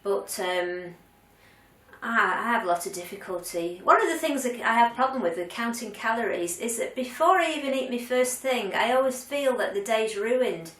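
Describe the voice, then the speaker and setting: A woman's voice: fairly high pitch, animated, moderate pace, a bit bright. A woman in her later years chatting candidly to camera in a weekly vlog, with frequent ums and restarts. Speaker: vlogger. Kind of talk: casual chat to camera. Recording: roomy sound, mic at a distance.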